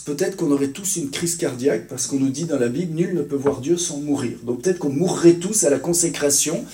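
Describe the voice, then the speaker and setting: A man with a mellow, somewhat high voice preaches and explains. He talks in a loose, conversational way and keeps checking in with his audience. The sound is roomy and echoey. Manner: conversational, checks in with listeners with little tags and questions. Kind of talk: teaching sermon.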